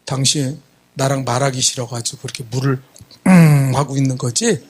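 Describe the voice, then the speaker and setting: A man doing a gruff drunken husband. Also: mid-range voice, normal speed, darkish tone, voice pushed down, lightly acted.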